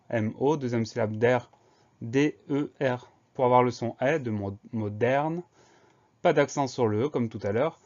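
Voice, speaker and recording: A man teaching a spelling lesson, explaining each word calmly and spelling it out letter by letter. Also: mid-range voice. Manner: patient, methodical, spells out letter by letter. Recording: slightly dull lo-fi recording.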